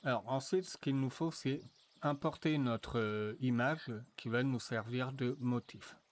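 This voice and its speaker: A man walking viewers through a software tutorial, thinking aloud with frequent fillers and restarts. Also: mid-range voice. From France. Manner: slow, hesitant, thinking aloud with many fillers. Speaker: tutorial presenter. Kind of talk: screen-recorded software tutorial.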